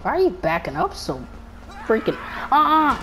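A woman giving casual gameplay commentary, excitable and rambling, often stumbling and repeating her words. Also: lowish voice, moderate pace, heavy background noise.

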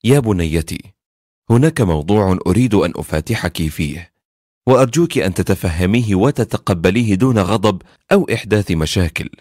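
Brief: gentle old father-in-law in a told story, read by a man, low and pleading. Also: animated, brisk, dry recording, studio quality.

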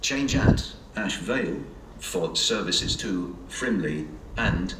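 A man making measured train announcements, heard over a station public address loudspeaker on a railway platform. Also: low-pitched, distant mic. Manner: measured, even announcing delivery. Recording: echoey loudspeaker heard from afar, noisy.

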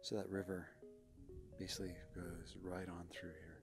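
Male hiking vlogger, lowish voice, relaxed and chatty, camera mic outdoors. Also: moderate pace, music in the background. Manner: relaxed, chatty, addresses viewers. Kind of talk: casual hiking narration. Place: outdoors on a desert boardwalk trail.

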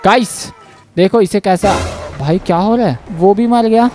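A man giving playful, jokey gameplay commentary as a gaming channel host, with sudden bursts of yelling. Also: sits high, a little slow, over music.

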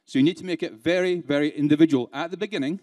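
A man's voice: a little high, rapid-fire, a little mellow. A man giving a keynote talk to a live conference audience, peppering them with rhetorical questions and playful asides. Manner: laughs between points, playful. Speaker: keynote speaker.

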